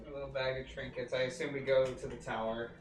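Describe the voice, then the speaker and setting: A man's voice: mid-range voice, level tone, quick pace. A man chatting casually as a player in a tabletop game. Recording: roomy, distant mic, music behind.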